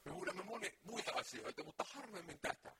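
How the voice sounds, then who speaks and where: Guy preaching a sermon, kinda high voice, fires off rhetorical questions. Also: pushed and bright, a little hiss or hum.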